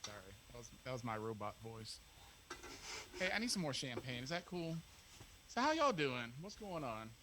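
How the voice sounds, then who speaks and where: A man's voice: medium pitch, very animated, moderate pace, noisy background. A man chatting as a guest on a live stream, joking and self-mocking in casual banter.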